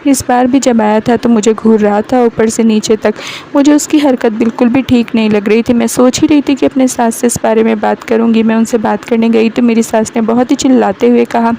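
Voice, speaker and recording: A woman's voice: on the high side, steady tone, a little fast, creaky, warm tone, a little hiss or hum, poor audio. A woman narrating a moral story in the first person, reading all the parts in her own voice. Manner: reads every part herself, mother-in-law and man included, in her own voice.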